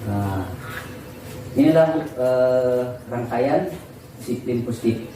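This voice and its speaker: A man's voice: mid-range voice, slow pace, mellow. A man, a teacher, giving an informal presentation to colleagues in a conversational way, often acting out exchanges with students. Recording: echoey room, far from the mic, faint noise.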